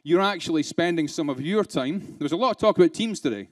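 A man's voice: on the high side, animated, brisk. A man giving a keynote talk to a live conference audience, peppering them with rhetorical questions and playful asides. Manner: laughs between points, playful. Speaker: keynote speaker.

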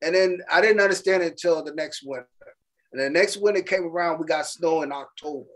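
A middle-aged man with a high-side, fairly bright voice co-hosts a podcast over a video call, talking a little fast. Laid-back and chatty in a casual interview, he keeps saying "you know what I'm saying" and "man." He's recorded on a webcam in an indoor room with a virtual backdrop.

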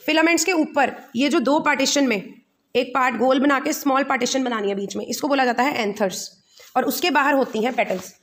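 Woman teacher, Indian accent, high voice, slow English lines, patient explaining. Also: a bit bright. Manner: slowly reads English lines, explains again in Hindi. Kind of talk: explaining a lesson.

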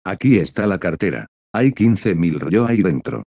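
Man reading young ninja husband, calm, affectionate, low dark voice, dry audio. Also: normal speed, dry recording, heavily acted. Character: young male ninja, doting husband and father.

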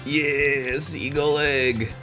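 A man giving loose, profane live commentary over a game he is playing, often breaking into loud, high yelps of excitement. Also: very slow, faint music behind. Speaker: streamer.

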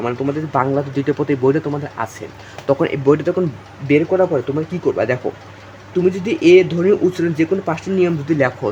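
Rapid-fire young male exam tutor. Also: fairly high pitch, a little mellow, lo-fi sound, a little hiss or hum. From Bangladesh. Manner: repetitive, addresses students directly, many fillers. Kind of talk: informal exam-prep lesson.

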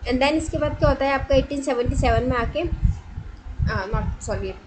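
A woman teaches an online coaching class in a fairly high voice, mixing English words into her explanation. She addresses the students directly and quizzes them as she goes. A clear steady noise runs under the recording. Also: a little slow.

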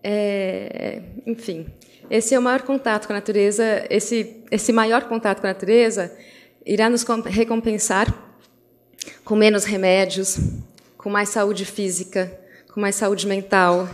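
A middle-aged Brazilian woman giving an opening speech, telling stories about her daughters with lively acted-out voices and many restarts. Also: medium pitch, a little slow. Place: event hall. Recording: long hall reverb.

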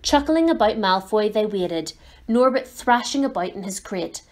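Woman storyteller, children's novel read aloud, clear, steady, expressive, middle pitch. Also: normal speed.

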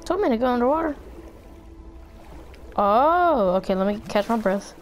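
A woman casually chatting while she plays a video game, playful and excitable, thinking out loud. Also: a little high, moderate pace, soft background music. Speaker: gameplay player. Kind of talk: casual let's play chat.

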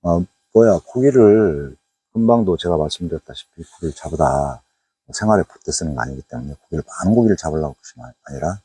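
A middle-aged man with a Jeolla Korean accent and a very low, dark, husky voice chats loosely through a night fishing vlog. He rambles along with plenty of fillers. The sound is dry and close. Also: lively intonation, a little fast, no room sound. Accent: Jeolla Korean dialect. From Jeolla province, Korea. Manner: rambling, chatty, frequent "eo" fillers. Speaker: fishing YouTuber. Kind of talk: casual fishing vlog narration. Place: outdoors at a waterway at night.

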